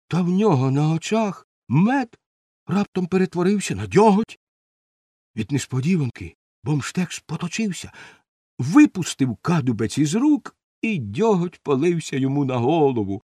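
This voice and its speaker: A man's voice: high voice, darkish tone, no echo, clean studio sound. A man narrating a fairy tale for children, playfully addressing the young listeners. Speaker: storyteller.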